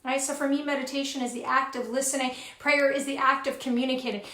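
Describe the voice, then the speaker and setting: A woman's voice: sits high, level tone, fast, a bit bright. A woman co-hosting a motivational pep talk, encouraging and stacking up repeated phrases for emphasis. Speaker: co-host. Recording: roomy echoey sound.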